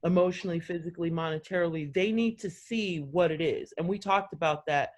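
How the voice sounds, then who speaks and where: An excited woman chatting casually on a video call as a community organizer, talking fast with lots of fillers. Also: fairly low pitch. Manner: energized, talks fast with many fillers and quoted voices. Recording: muffled video-call audio.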